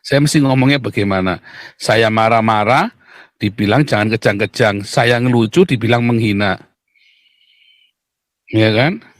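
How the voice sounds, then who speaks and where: A man's voice: measured pace, pauses often, no room sound, clean studio sound. A man giving a mocking, theatrical polemic monologue, addressing listeners directly as he argues. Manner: jumps into high shouted voices when mimicking critics. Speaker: religious debater addressing viewers.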